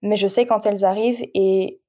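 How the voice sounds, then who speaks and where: A woman's voice: mid-range voice, steady tone, a little fast, mellow. A woman guest on a podcast, talking frankly and reflectively in a casual conversation, often restarting her sentences.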